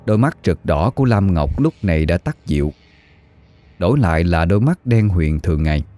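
Deep-voiced male storyteller. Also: expressive, fairly quick, dark tone, soft background music. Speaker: narrator. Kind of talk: scripted story narration.

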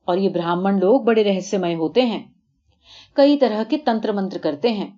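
A woman's voice: mid-range voice, dark tone, natural voice. A woman voicing a domineering male palace official who speaks in a bossy, knowing tone, on a dull, lo-fi recording. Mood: suspicious.

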